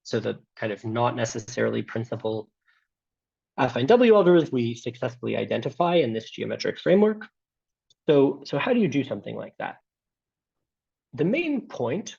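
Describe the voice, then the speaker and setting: Hesitant American man lecturing, gravelly. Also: mid-range voice, darkish tone, dull audio. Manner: hesitant, many fillers and restarts. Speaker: seminar speaker. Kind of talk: academic math lecture.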